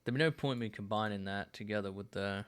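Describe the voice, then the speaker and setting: A man in his thirties streaming a game, musing aloud in a relaxed way with plenty of fillers. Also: on the low side, fast talker, smooth. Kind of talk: casual gameplay commentary.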